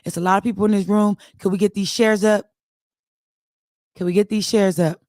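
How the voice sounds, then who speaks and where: A woman's voice: mid-range voice, steady tone, brisk, darkish tone, no echo, clean studio sound. A young woman from Los Angeles with a Los Angeles accent, hosting an online audio room with blunt, profane, mocking commentary. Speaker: host. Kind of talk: heated casual commentary.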